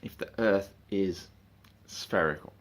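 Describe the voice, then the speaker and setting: A man in a drunken, rambling, sweary rant, speaking informally and haltingly, with emphatic bursts and muttered asides. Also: sits low. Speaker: monologue speaker.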